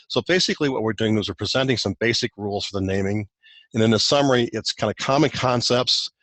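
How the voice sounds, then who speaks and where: A man's voice: lowish voice, fairly bright tone, no echo. A man presenting a technical guide in a recorded webinar walk-through, explaining loosely with many fillers and restarts.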